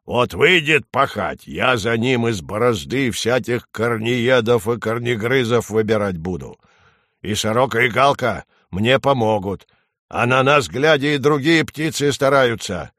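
A man voicing a nagging old female crow with a hoarse, unpleasant voice, scolding slowly. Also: mid-range voice, animated, fairly bright tone, no room sound, clean studio sound. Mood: boastful. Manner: slow, scolding.

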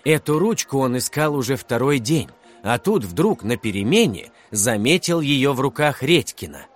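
A man reading a children's story aloud as narrator, expressive and animated. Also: mid-range voice, normal speed, soft background music.

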